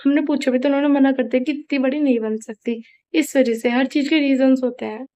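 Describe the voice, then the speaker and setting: A woman's voice: sits high, fairly even intonation, a little fast, warm tone. A young woman chatting casually in a home vlog, rambling and apologetic, with a sore throat. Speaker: vlogger. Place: family home, indoors.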